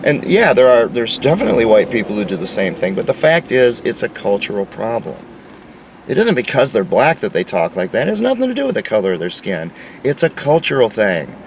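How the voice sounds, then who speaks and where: A man's voice: medium pitch, big pitch swings, a little fast, distant mic, slight background noise, rough recording. A man delivering an insistent, lecturing opinion monologue. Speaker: commentator.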